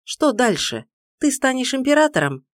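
A woman's voice: high voice, sing-song, moderate pace, no echo, studio quality, pitched above the performer's own voice. A woman voicing a young orphan heroine, agitated and pleading in tense outbursts. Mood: indignant.

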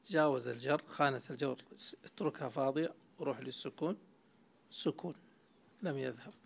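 Gravelly male grammar teacher lecturing. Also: medium pitch, a little fast. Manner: explains step by step, quizzing students. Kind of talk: classroom lecture.

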